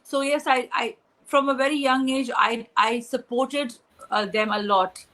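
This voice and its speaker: A woman's voice: high-pitched, steady tone, unhurried, bright, forceful tone, rough recording. A young woman from Pakistan answering interview questions, hesitant, with many fillers and restarts. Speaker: interview guest.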